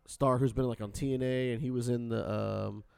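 Male radio host, mid-pitched, casual banter, playful, very dry recording. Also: steady tone, normal speed, creaky, darkish tone, clean tone, no room sound. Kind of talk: casual banter among co-hosts.

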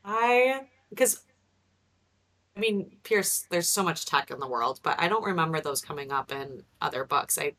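A woman's voice: sits low, expressive, normal speed, fairly bright tone. A woman on a casual book podcast, speaking in an easygoing, rambling way. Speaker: podcast guest.

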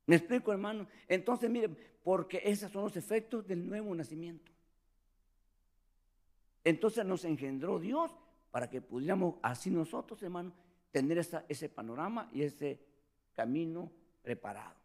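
A middle-aged man preaching a sermon as pastor, animated, acting out the voices he quotes and often calling his listeners brother. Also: sits high, moderate pace.

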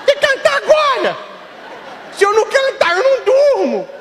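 A man's voice: very high voice, wildly swooping pitch, normal speed, fairly bright tone, some chatter behind, a little hiss or hum, voice pushed up, heavily acted. A Brazilian-accented priest voicing a small, insistent altar boy who pleads and whines. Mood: pleading.

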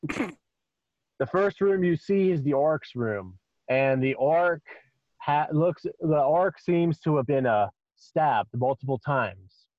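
A man improvising narration as a tabletop game master, haltingly, often repeating phrases. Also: a little high, lively intonation, no room sound, muffled recording.

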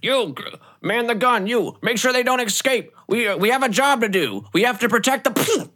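A game master voicing a male security captain who shouts commands at his crew in a tabletop game. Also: medium pitch, lively intonation, normal speed, pitched above the performer's own voice. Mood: commanding.

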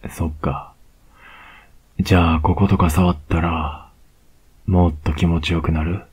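In a whispered role-play, a man voices a cocky young male student with a Kansai lilt, teasing in a close, unhurried murmur punctuated by soft laughs. His extremely low, husky voice is drawn out slowly and evenly, with little pitch movement.

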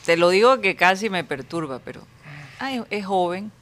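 A woman from Colombia hosting an entertainment talk show, expressive and exclamatory, given to dramatic sighs. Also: mid-range voice, moderate pace. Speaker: show host.

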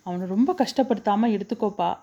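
A woman's voice: medium pitch, fast, warm tone, slightly rough, highs cut off. A woman doing a tearful older mother. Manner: tearful, pleading. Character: grieving older mother at her son's bedside.

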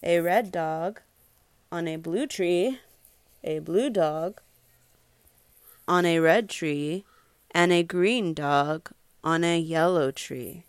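A woman reads a picture book aloud, unhurried and deliberate, pausing to quiz a little listener with simple questions. Her voice is smooth and clear. The recording is close and dry, with no room sound. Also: fairly low pitch, no echo. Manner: patient, prompting the child with simple questions. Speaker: parent reading to a young child.

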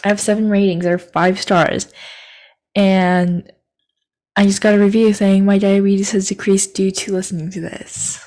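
A young woman rambles into her podcast mic, laughing at herself as she jumps from thought to thought. Her voice sits at an ordinary middle pitch for a woman, and her talk is loose and unscripted. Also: flat delivery, a little slow, mellow. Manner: scattered, self-deprecating, giggly. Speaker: podcast host. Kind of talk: rambling solo podcast chat. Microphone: podcast microphone.

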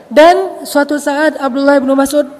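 Joking Indonesian preacher in a reverberant hall. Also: male voice, very high-pitched, normal speed. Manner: lively storytelling with jokes and laughter. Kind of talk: casual humorous sermon.

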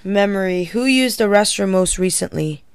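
A young woman co-hosting a podcast in casual chat, laid-back and giggly, swearing often and audibly high. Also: expressive, normal speed, clean tone, dry recording. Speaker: podcast co-host.

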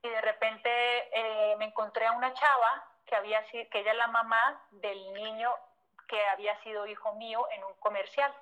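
A woman's voice: on the high side, steady tone, moderate pace, phone-quality sound. Mexican woman telling a heartfelt story. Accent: Mexican Spanish. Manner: emotional, vivid retelling that acts out past conversations, frequent "o sea" fillers. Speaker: guest, former model. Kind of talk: personal storytelling in a conversation.

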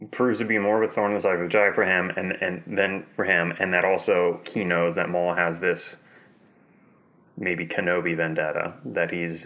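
A man's voice: deep voice, fairly bright tone, muffled recording. A man co-hosting a podcast in casual chat, rambling and joking with lots of restarts. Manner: rambling, many restarts, jokey. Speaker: podcast co-host.

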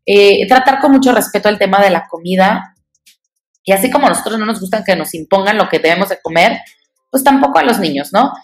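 A woman's voice: mid-range voice, lively intonation, a little fast, faint music behind. A mother talks casually to listeners, explaining as she goes with fillers and rhetorical questions. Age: adult mother. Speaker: parenting and nutrition speaker.

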